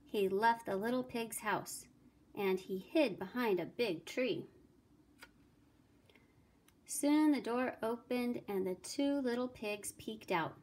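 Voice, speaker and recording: Slow, expressive woman reading a storybook. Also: fairly high pitch. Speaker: teacher reading aloud. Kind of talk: storybook read-aloud.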